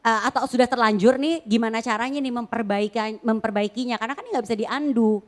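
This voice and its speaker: A woman's voice: on the high side, fairly quick, big-room sound. A woman hosting a live stage talk, upbeat, calling for applause and inviting questions from the audience. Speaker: host.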